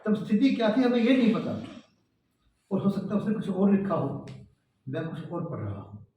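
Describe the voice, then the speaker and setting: A man's voice: high voice, big pitch swings, moderate pace, dark tone, slight background noise. A man giving an earnest moral lecture to a gathering in a large hall, posing rhetorical questions. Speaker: speaker addressing a cultural meeting. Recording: echoey hall, distant mic, dull sound.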